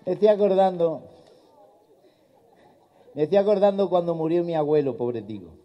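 A man's voice: fairly high pitch, moderate pace, long reverb tail. A man telling folksy jokes live on an outdoor stage, slipping into character voices. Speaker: stand-up comedian. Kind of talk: live stand-up storytelling. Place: outdoor town square stage. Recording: dull lo-fi live recording.

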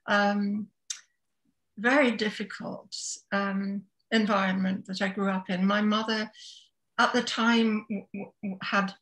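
A Scottish woman in her seventies, an author and therapist, tells her story as an interview guest, speaking thoughtfully, hesitantly, and conversationally. Her voice is medium-pitched and fairly bright, though the audio quality is poor.

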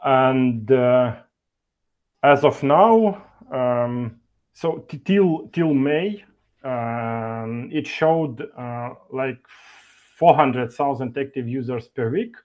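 A man's voice: mid-range voice, dull audio. A man presenting at an online meetup over a video call, speaking with frequent fillers and restarts. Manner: halting, many fillers and restarts. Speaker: conference speaker from an e-learning developer.

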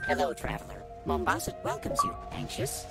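A woman voicing a soothing transit-station computer in a video game, speaking in gentle, polite, reassuring automated announcements. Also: low-pitched, wildly swooping pitch, a little fast, creaky, over loud music, heavily acted. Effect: automated public-address robot voice. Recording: distant game audio with crowd noise.

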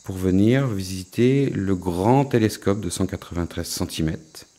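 A man's voice: sits low, unhurried, dark tone. A middle-aged man, a science educator, explaining things in an interview. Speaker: astronomy centre director and science educator.

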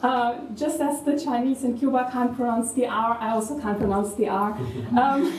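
German-accented woman giving academic panel remarks, measured and a bit wry, echoey room, faint background noise. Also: on the high side, steady tone, a little mellow. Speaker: panel discussant. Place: university event hall. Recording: echoey room, distant mic, faint ambience.

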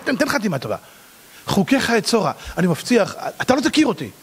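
A man, a rabbi, giving an animated sermon, swinging between loud outbursts and hushed pleading. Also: high-pitched, slightly rough, in a large hall.

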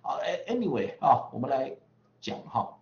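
A man's voice: mid-range voice, very animated, measured pace, a little mellow, reverberant, lo-fi sound. A man from the western United States teaching English pronunciation online, chatty, drawing out vowel sounds in drills with frequent tag particles.

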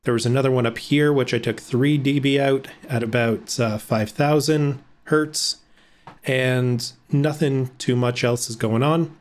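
A man's voice: mid-range voice, steady tone, measured pace. Casual man explaining audio plugins. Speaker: video editing tutor. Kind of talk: screen-recorded tutorial. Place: home room with blackout curtains.

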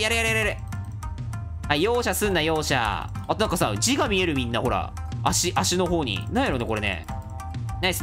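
Gaming host, woman, lower pitch with very animated swings, playfully rallies the players. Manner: playful, reads game text aloud and rallies the other players. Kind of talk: game commentary.

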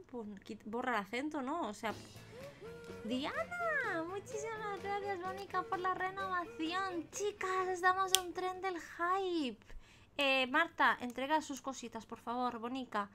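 A woman's voice: a little high, a little hiss or hum. A young woman from Spain chatting casually on her live stream, thanking viewers by name as she tells a rambling story. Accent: Spain Spanish. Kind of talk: casual live-stream chat while colouring.

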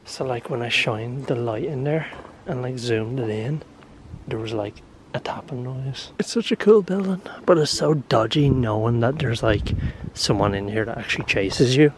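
A young Irish man talks to his camera in a loose, rambling vlog style, padding his lines with fillers and sometimes dropping to a whisper. His voice sits at a middling pitch and comes from a step away from the mic. The room around him rings with echo. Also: normal speed, background noise. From Ireland. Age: young adult. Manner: chatty, full of "like" and "you know", drops to hushed whispers while exploring. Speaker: vlogger and musician. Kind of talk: casual vlog chat. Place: room indoors, then an abandoned building. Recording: echoey, distant camera audio.

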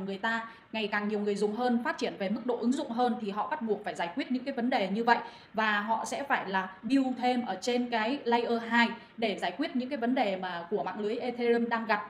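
A woman moderating a crypto channel, talking listeners through market reasons with frequent fillers and direct address. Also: fairly high pitch. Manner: addresses listeners as anh chị, many fillers. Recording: echoey room, faint noise.

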